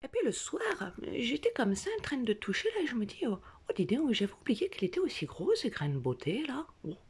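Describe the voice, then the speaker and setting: A woman's voice: a little high, big pitch swings, a little fast, darkish tone, slightly rough. A woman telling a stand-up style story from her bed at home, in a put-on southern French accent, playful and exaggerated. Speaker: comedian. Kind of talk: stand-up monologue.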